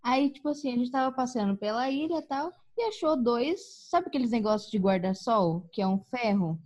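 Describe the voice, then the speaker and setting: A woman telling a personal story in a casual chat, animated and laughing, acting out the voices of the people in it. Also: a little high, brisk.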